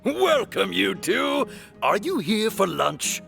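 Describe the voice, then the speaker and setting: A man's voice: sits high, sing-song, takes it slowly, creaky, fairly bright tone, faint music behind, full character voice. A man voicing a friendly, hearty, folksy eatery server in a video game, greeting diners. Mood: welcoming. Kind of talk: video game character acting.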